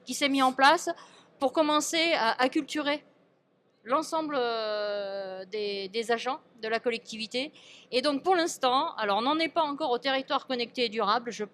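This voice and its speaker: A French woman speaks as an elected local official in an informal interview, halting and often repeating and restarting her words. Her voice is high-pitched and a bit bright.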